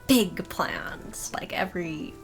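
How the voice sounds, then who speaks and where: Female streamer, 20s, gravelly fry, laughs at herself, loud music bed. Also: fairly low pitch, expressive, slow pace, in a whisper. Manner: chatty, self-mocking, laughs often, swears. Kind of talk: casual chat while gaming.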